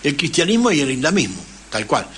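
A radio talk show host with an Argentine Spanish accent lectures at length, often checking in with his listeners. His voice sits on the high side and is brisk and a bit bright, with huge pitch swings. A little hiss or hum can be heard.

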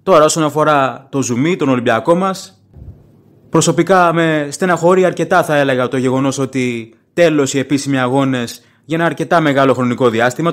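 A man with a fairly high-pitched voice hosts his own football fan podcast. He talks on his own in a casual, opinionated way, rambling from point to point and saying things plainly. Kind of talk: casual solo podcast commentary.

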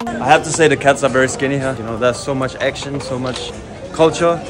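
This walking vlog follows a man in his thirties through a crowded outdoor market as he chats cheerfully to camera and greets people on the way, filming with an action camera at arm's length. His medium-pitched voice is brisk with fairly even intonation. Crowd noise and a music bed sit under his speech.

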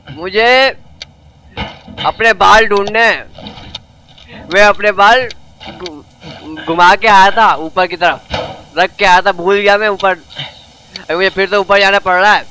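A man giving excited let's-play commentary, coaxing and yelling at his game character, his throat dry from shouting. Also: high-pitched, poor audio. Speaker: gaming video host.

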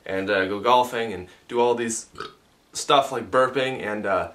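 A man's voice: mid-range voice, unhurried, sharp tone. A young man vlogging casually with a sore mouth after wisdom teeth removal. He talks with his mouth held half closed and has a slight lisp. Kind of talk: casual rambling vlog talk.

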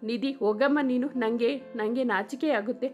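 A woman's voice: a little high, steady tone, normal speed, highs cut off, faint music behind, lightly acted. A woman reading the lines of a shy, devoted young woman in a story, speaking playfully.

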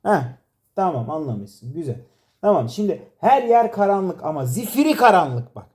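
Exasperated man directing, lively pitch. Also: normal speed. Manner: teasing, exasperated, laughs often. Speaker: director of a comedy sketch. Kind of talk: playful directing banter.

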